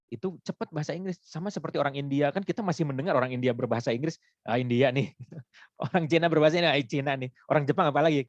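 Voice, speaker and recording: A man giving a relaxed online lecture, chatty and laughing often. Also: on the high side, no room sound, highs cut off. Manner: chatty, laughs often, switches into Sundanese words.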